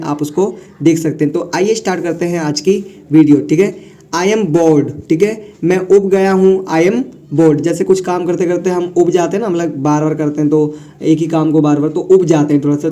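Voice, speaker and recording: A high, mellow-toned young man explains English phrases in an easy classroom manner. He repeats each phrase and keeps checking in with his learners as he goes. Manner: repeats phrases and says "thik hai" often. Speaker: English teacher.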